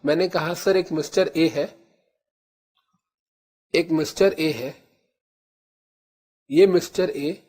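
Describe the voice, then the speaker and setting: An Indian man teaching law in a lecture, calling his students children and slowly repeating key terms. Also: on the high side, fairly even intonation, a little mellow, slightly rough. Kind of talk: classroom lecture in Hindi-English mix.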